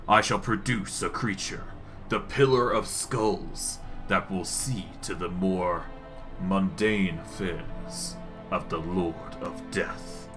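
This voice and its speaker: Ancient undead king type, performed by a man: low, dry, pompous, contemptuous game villain, music underneath. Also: a bit bright. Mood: haughty. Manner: pompous, slow-burning disdain, formal diction. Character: proud, scornful old undead lich mentor. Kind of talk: acted reading of video game dialogue.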